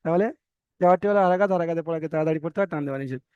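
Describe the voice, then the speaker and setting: A man's voice: a little high, rapid-fire, smooth, no echo. A man teaching Quran reading in an online class, patiently repeating rules and correcting his students. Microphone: video call. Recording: dull dry online call audio.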